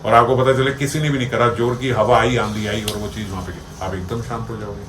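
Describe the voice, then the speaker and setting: A man's voice: on the low side, fairly even intonation, a little fast, background noise. A man as a spiritual teacher giving a devotional discourse, explaining through everyday examples and checking that listeners follow. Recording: echoey room with faint ambience.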